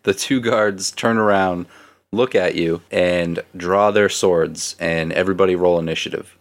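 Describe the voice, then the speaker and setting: A man narrating as game master of a tabletop game in a relaxed, hesitant way. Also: sits low, a little slow, a little hiss or hum.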